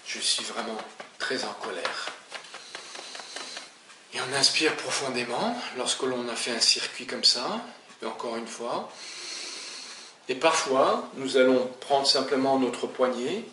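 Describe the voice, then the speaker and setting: A man teaches slowly and patiently, pausing to show each step and repeating the same phrases. His voice is bright and carries a clear room echo, as if he is standing some way from the microphone. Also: medium pitch, recorded from a distance, a little hiss or hum. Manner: calm, explanatory, demonstrates tapping with repeated phrases. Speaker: EFT instructor. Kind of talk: demonstration lesson.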